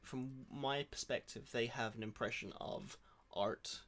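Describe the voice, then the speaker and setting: A young man hosting a conversational podcast interview, speaking in an earnest, wordy and halting way. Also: medium pitch, fairly bright tone. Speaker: podcast host and animator. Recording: clearly noisy background.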